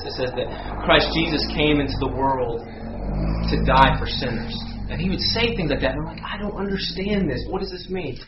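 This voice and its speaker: A man telling a lively story in a sermon, acting out voices and sound effects as he goes. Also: medium pitch. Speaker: guest preacher. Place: church sanctuary. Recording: echoey church, dull sound, faint hum.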